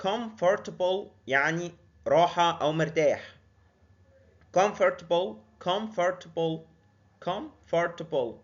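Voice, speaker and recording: A young man with an Egyptian Arabic accent teaching English pronunciation in a casual lesson, repeating drilled words slowly with many fillers and restarts. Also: fairly high pitch, fairly bright tone, highs cut off.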